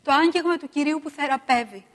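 A middle-aged woman preaching a sermon, emphatic and repetitive, swinging between loud stresses and hushed asides. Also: high-pitched, big-room sound.

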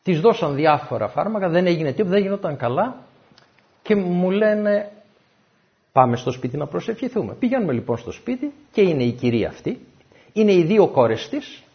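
A man preaching a sermon, telling personal stories and acting out the dialogue. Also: fairly high pitch. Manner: animated storytelling, acts out dialogue. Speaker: pastor. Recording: dull lo-fi recording.

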